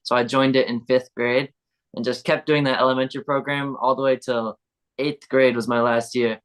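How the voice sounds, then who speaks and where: A man's voice: mid-range voice, level tone, normal speed, a bit bright, clear, resonant tone. A young man of eighteen from Utah answering interview questions in a casual, chatty way. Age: teens. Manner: casual, chatty, laughs between phrases. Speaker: guest.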